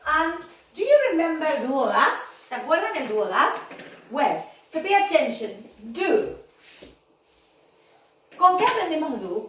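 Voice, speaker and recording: Slow-spoken teacher woman, echoey room. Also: sits high, a bit bright. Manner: slow, drawn-out model phrases mixing Spanish and English. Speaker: English teacher. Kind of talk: video lesson for children. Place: classroom with whiteboard. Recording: very echoey room, far from mic.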